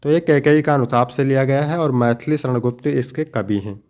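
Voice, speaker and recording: A young man teaching an exam-prep lesson, explaining each answer step by step, slowing down to stress key points and calling his students dear children. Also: mid-range voice, a little mellow. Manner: explains each answer step by step, then reads the next question; addresses students fondly.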